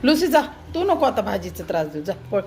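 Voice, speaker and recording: A woman's voice: medium pitch, very animated, fairly quick, a little mellow, a little hiss or hum. A woman vlogger talking to her pet cats at home, scolding and coaxing them like children while chopping vegetables.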